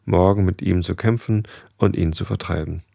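A man's voice: deep voice, steady tone, moderate pace, gravelly, dark tone, no room sound, studio quality, heavily acted. A man reading as a fretful goose sister. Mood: worried. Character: anxious gossiping goose sister.

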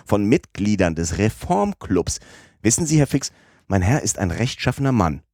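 A man voicing an excitable, loyal French manservant who talks indignantly and exclaims often. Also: fairly low pitch, moderate pace, no echo, studio quality, pitched above the performer's own voice.

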